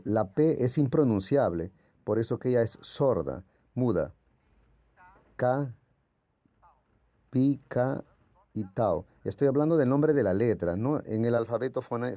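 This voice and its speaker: A man's voice: medium pitch, dark tone, dry recording. A man whose first language is Portuguese gives a patient, explanatory lecture as a Greek language teacher, sounding out letters as he goes. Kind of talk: classroom lecture.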